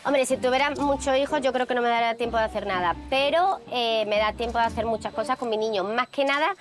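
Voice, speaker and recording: A woman's voice: fairly high pitch, fast. A woman in casual chat with a playful, teasing manner. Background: loud background music.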